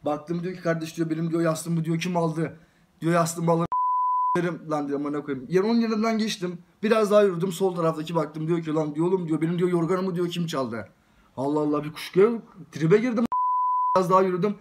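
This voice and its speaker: A man's voice: fairly high pitch, a little fast, a little hiss or hum. A young soldier telling a story in casual chat, breaking his quoted speech up with constant "I said" tags. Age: young adult. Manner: storytelling, repeats "dedim" after every phrase. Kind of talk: casual anecdote.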